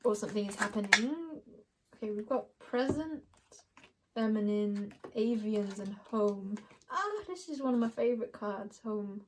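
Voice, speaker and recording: A woman's voice: mid-range voice, expressive, unhurried, darkish tone, slight background noise. A young woman doing an intuitive card reading for viewers, musing aloud and laughing often. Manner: giggly, musing, talks to viewers as you guys. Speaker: tarot card reader.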